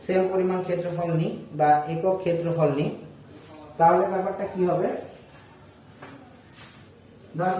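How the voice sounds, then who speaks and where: A man's voice: high-pitched, mellow. A man teaching physics to students, explaining step by step and asking rhetorical questions before answering them. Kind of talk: board lesson explanation. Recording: echoey room heard from a distance with faint noise.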